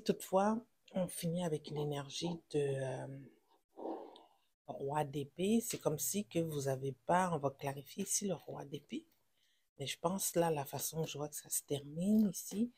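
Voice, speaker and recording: Husky tarot reader with a Québécois accent. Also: medium pitch, a little mellow. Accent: Québécois French. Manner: reassuring, halting, with many fillers and self-corrections. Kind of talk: casual tarot reading to camera.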